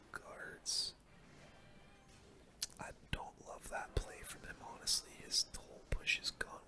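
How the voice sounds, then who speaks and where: Close to the microphone, a gaming host whispers soft, breathy, unvoiced ASMR commentary, murmuring casual play-by-play sprinkled with gamer slang.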